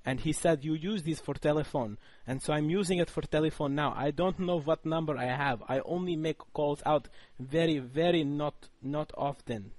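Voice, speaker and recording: Prank-call character: a man playing a clueless Russian man fresh off the plane, thick fake accent, halting broken English, dry close sound. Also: a little high, darkish tone, dry recording, natural voice. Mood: faux naive. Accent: put-on Russian accent. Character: bumbling Russian man newly arrived, feigning naive broken English. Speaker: prank caller.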